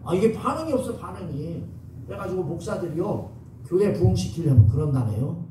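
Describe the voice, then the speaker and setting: A male pastor preaches with a high, animated voice, coaxing his listeners to answer back. He sounds far from the mic, with the sound ringing through a very echoey church sanctuary under a faint hiss. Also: fairly quick. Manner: lively, coaxing the congregation to respond. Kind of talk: sermon.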